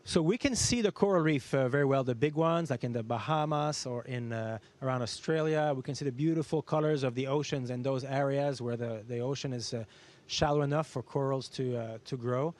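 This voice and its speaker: A man's voice: mid-range voice, brisk, darkish tone. A man speaking as an astronaut in an educational question-and-answer talk, explaining things simply with everyday comparisons. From Canada. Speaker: astronaut guest answering students.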